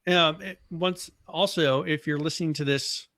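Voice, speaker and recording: A man from the American Northwest co-hosting a podcast in casual chat, talking in a relaxed, rambling way with lots of fillers. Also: a little high, normal speed, no echo. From Boise, Idaho area of the US. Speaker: podcast co-host.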